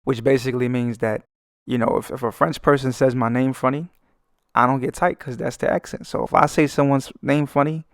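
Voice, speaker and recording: A young man with a Brooklyn accent, an artist hosting his own channel, rambles through swaggering, profane, comedic commentary while drawing a speedpaint. His mid-range voice is brisk with fairly even intonation, captured in a dry, clean studio recording.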